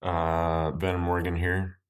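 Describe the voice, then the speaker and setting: A man's voice: low-pitched, completely flat delivery, slow pace, smooth. A man with a stuffed-up, nasal voice chatting casually as a podcast host in a dry, rambling, joking way. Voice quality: stuffed-up, nasal voice from a deviated septum. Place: at home in an apartment.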